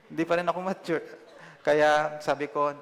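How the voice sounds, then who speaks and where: A man's voice: on the high side, vocal fry. Young Filipino man preaching in a reverberant hall. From Philippines. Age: 20s. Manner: conversational, self-deprecating, with halting fillers. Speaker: lay preacher. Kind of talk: personal testimony sermon.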